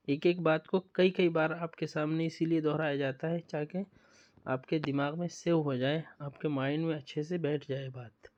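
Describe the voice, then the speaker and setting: A man's voice: fairly high pitch, darkish tone. Patient man teaching tajweed online. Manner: patient, repetitive, checks understanding with tag questions. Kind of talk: online lesson explaining on-screen examples.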